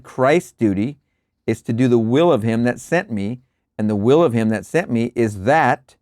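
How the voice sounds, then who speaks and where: A man hosting a show, reading spiritual lecture passages aloud in a measured, deliberate way and breaking off for relaxed asides and quiet chuckles. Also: mid-range voice, dry recording, studio quality. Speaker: host reading and explaining lectures. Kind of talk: reading aloud with casual commentary.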